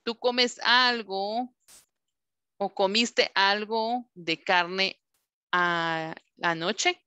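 A woman leads an English lesson. She talks slowly and patiently, repeating each word and checking that the class follows. Her voice is bright and clear, recorded dry and close. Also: mid-range voice, dry recording. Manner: slow, patient drilling of words, checking in with ¿sí?. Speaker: English teacher.

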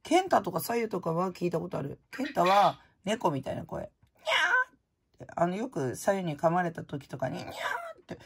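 Woman vlogger, low husky voice, rambling frank casual chat. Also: lively intonation, a little fast. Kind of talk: casual chat while opening prizes.

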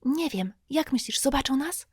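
A woman voicing a frightened young boy in an audiobook, speaking in hushed, anxious whispers while trying to sound brave. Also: sits high, expressive, moderate pace, no echo, clean studio sound, voice pushed up. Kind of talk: audiobook character voice.

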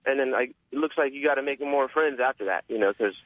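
Hesitant caller on a tinny phone line. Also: male voice, mid-range voice, quick pace, no room sound. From Japan. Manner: hesitant, rambling, full of fillers. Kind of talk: phone-in conversation.

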